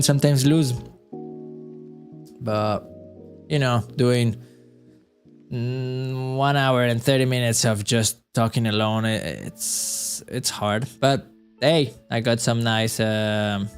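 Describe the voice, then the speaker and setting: A tired man chats alone on a live stream in a rambling, self-talking way, often restarting and chuckling. His voice is medium-pitched and a little mellow.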